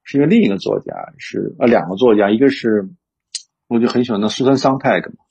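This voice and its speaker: A man's voice: on the low side, fast, creaky, darkish tone, husky. A man talking reflectively in casual conversation, with many fillers and restarts. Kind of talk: casual conversational discussion about books. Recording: dull lo-fi sound.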